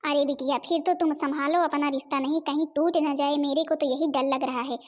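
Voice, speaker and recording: A woman's voice: high-pitched, fairly even intonation, fairly quick, darkish tone, natural voice. A woman voicing a scheming middle-aged stepmother who lectures her daughter in a homemade cartoon. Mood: worried. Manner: lecturing, conspiratorial.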